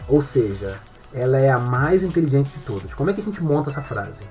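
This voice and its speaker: A man's voice: medium pitch, lively intonation, brisk, a little mellow, faint music behind. A male English teacher giving an online grammar lesson in Portuguese, explaining step by step and often checking that the viewer is following.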